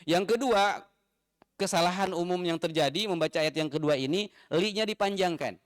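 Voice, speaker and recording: A man's voice: high voice, normal speed, dry recording, clean studio sound. A man teaching Quran recitation in a mosque, patiently repeating and spelling out each sound. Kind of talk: tajwid lesson.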